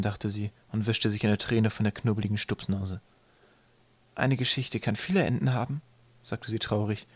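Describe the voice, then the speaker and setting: A man reading an unabridged audiobook in a calm, measured way. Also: fairly low pitch, no room sound. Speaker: audiobook narrator.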